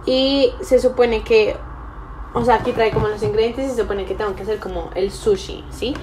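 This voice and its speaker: A young woman vlogger talks casually and a bit hesitantly to the camera while cooking at a table in a small indoor room. Her voice is slightly high and dark-toned, with a steady tone and moderate pace. The recording is rough, with slight background noise.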